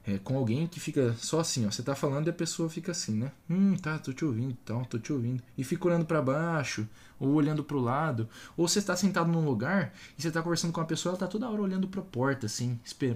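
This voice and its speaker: A man's voice: fairly high pitch, a little mellow. A man giving a casual spoken lesson on communication, talking straight to the listener and acting out short example dialogues. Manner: conversational, direct address with frequent "tá?" and "entendeu?". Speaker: communication coach.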